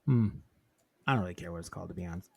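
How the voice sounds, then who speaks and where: A man in his forties co-hosts a podcast, chatting casually, joking and swearing freely with lively shifts in volume. His voice sits low with vocal fry, he talks at a racing pace, and the recording has no echo.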